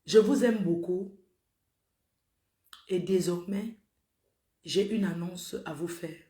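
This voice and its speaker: A woman's voice: fairly low pitch, takes it slowly, warm tone. A middle-aged woman, hosting a casual livestream and scolding her viewers in an exclamatory way. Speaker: livestream host. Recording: roomy echo.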